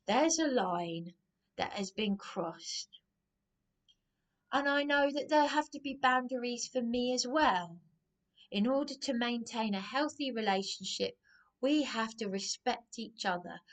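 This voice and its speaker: A woman in an emotional, rambling monologue, agitated and repeating herself. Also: medium pitch. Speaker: vlogger.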